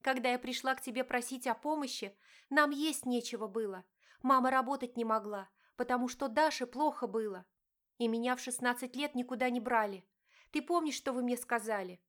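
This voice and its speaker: A woman's voice: on the high side, normal speed, hardly any pauses, a bit bright, lightly acted. A woman voicing an indignant young heroine in an audiobook, speaking sharply and heatedly. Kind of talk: audiobook narration.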